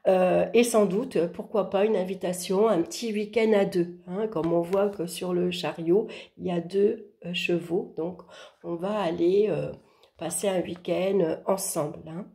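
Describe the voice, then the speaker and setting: Female horoscope card reader, informal, throat hoarse from swollen tonsils, gravelly low-effort delivery, dark soft tone. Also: fairly even intonation, unhurried. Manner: speaking softly to spare her throat.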